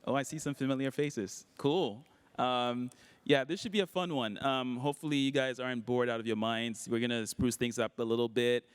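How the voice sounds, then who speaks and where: A man moderating a conference panel in a relaxed, upbeat way, with many fillers. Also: mid-range voice, normal speed, clean tone. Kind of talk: casual panel talk. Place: conference hall.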